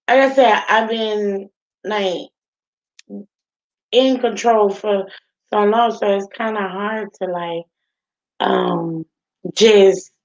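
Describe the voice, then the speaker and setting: A woman co-hosting a live chat stream, talking casually with drawn-out fillers. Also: medium pitch. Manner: chatty, drawn-out, with many fillers. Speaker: co-host of a live couple's channel. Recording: dull lo-fi live-stream audio.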